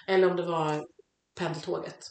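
A woman co-hosting a casual chat about songs, talking in a halting, reflective way as she searches for words. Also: on the low side, little pitch movement, a little hiss or hum. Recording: echoey room.

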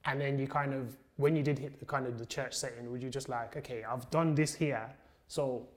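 A man's voice: mid-range voice, fairly even intonation, brisk. A man hosts a casual interview, asking questions in an encouraging, conversational way. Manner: encouraging, frequent affirmations.

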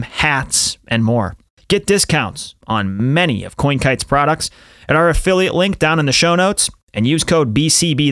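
A podcast co-host with a mid-range, fairly bright voice reads sponsor ads and chats casually with guests, all in a brash, profane manner with a fast ad-read delivery. The studio sound is clean, with no echo.

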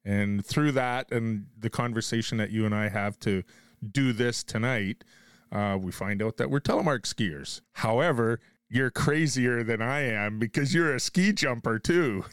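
A man from Quebec hosting a podcast, chatting in a relaxed, friendly way. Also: medium pitch, unhurried, smooth, no echo. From Quebec, Canada. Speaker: podcast host. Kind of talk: casual chat. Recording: dry close sound.

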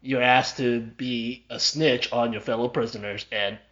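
On dull, lo-fi podcast audio, a male co-host keeps a casual chat going, laid-back and chuckling as he trails off into fillers. His voice is medium-pitched, steady and fairly bright, with a slightly slow delivery.

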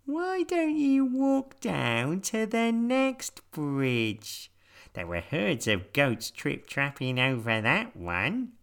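Storybook rabbit, timid, high and drawn-out, pleading; a man reads it. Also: huge pitch swings, gravelly, a bit bright, clear, resonant tone, full character voice.

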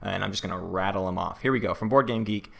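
A man with a low voice and a gravelly, creaky edge co-hosts a laid-back podcast. He talks strategy in an easygoing, analytical way and laughs easily. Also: fairly bright tone. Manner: chatty, analytical, quick to laugh. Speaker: podcast co-host. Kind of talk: casual podcast discussion of a board game.

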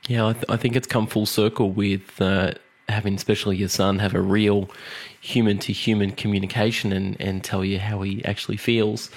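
A man hosting an interview, who sums up his guest's story reflectively before asking his next question. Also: on the low side. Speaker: interview host. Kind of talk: casual interview.

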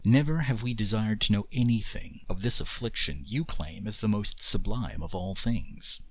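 A man voicing a mighty ancient male jinn, speaking slowly and gravely with a commanding manner. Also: medium pitch, big pitch swings, a bit bright, dry recording, full character voice. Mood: soft, solemn.

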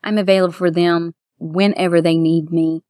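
A middle-aged woman with a Kentucky accent, a bridal shop owner talking warmly and at length in a casual interview. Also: fairly low pitch, normal speed, no echo, clean studio sound. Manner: chatty, heartfelt, quotes others in lively voices.

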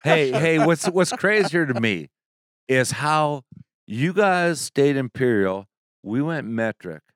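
An older man talks slowly and patiently, laying out an explanation with the odd chuckle. His voice is close and dry, with no room sound around it. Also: medium pitch, lively intonation, no echo. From Alberta, Canada. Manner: unhurried, explanatory storytelling with chuckles. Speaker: guest. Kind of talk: casual chat.

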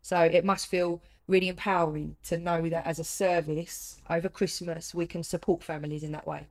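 A woman's voice: fairly low pitch, little pitch movement, moderate pace, darkish tone. A British woman hosting a conversational interview in an empathetic, chatty, affirming way. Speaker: interviewer and host.

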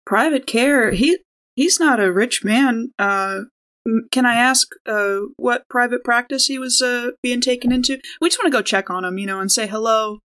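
Improvising during a tabletop role-playing session, a woman chats casually and thinks out loud. She speaks at a moderate pace in a voice on the high side that sounds a bit bright.

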